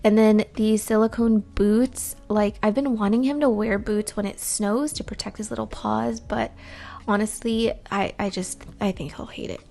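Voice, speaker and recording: A woman chats her way through a vlog voice-over, rambling from one thing to the next with plenty of ums. Her voice is rough from the morning and has a gravelly edge. She sounds relaxed and unscripted. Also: medium pitch, moderate pace. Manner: chatty and rambling, with frequent ums. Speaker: vlogger.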